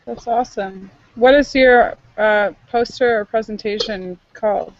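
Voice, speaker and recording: A young Northern California woman, an intern, leads an online meeting in casual, friendly chat packed with fillers. Her voice is fairly high and unhurried, and the call audio sounds muffled but has no echo.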